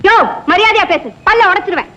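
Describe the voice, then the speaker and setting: A shrill, panicked young village woman. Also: fast, slight background noise. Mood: angry. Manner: shrill, pleading, sharp-tongued. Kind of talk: 1970s film acting.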